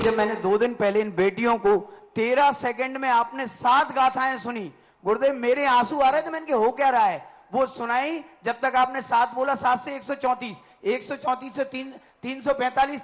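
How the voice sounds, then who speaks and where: Brief: male devotee, reverent devotional address, very high voice. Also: fairly even intonation, normal speed.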